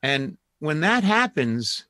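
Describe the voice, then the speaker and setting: Male co-host, earnest, halting questioner, bright tone, dry room. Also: a little high, big pitch swings, no room sound. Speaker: comedian co-host. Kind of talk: interview questions.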